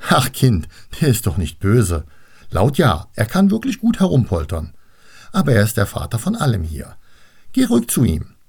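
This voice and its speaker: A man voicing a calm, gentle female teacher in a storybook reading. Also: mid-range voice, normal speed, gravelly, breathy edge, full character voice.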